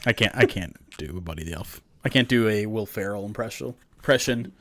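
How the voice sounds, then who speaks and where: A man's voice: fairly low pitch, brisk, a bit bright. A man co-hosting a casual sports podcast, talking bluntly and with emphasis. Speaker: podcast co-host.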